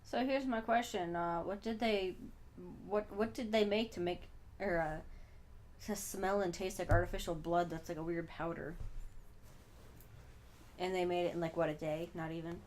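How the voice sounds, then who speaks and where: A woman's voice: fairly low pitch, fairly even intonation, moderate pace, long pauses, darkish tone, a little hiss or hum. A woman co-hosting a casual movie commentary, joking and sarcastic, with a swear here and there. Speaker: podcast co-host.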